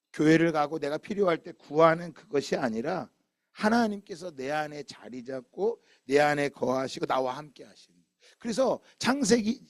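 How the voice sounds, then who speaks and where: A man preaching a sermon as a pastor, asking the congregation questions and answering them himself, swinging between loud emphatic lines and quiet low ones. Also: no echo, clean studio sound.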